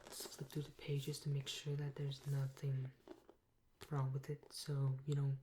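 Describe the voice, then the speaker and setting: A woman with a low, mellow voice does an ASMR role-play as a patient librarian. She is soft and breathy, talking gently close to the mic, with noticeable hiss in the recording. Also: completely flat delivery. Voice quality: soft-spoken, breathy, often soft-spoken. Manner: gentle, unhurried customer-service talk with pauses. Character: helpful, patient female librarian serving a patron. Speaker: ASMR performer playing a librarian. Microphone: close binaural microphone.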